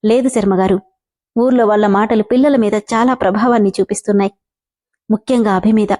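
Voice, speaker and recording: A woman's voice: medium pitch, fairly even intonation, brisk, warm tone, lightly acted. A woman voicing a grieving, devoted mother in a spoken story, talking in a tender, pleading way.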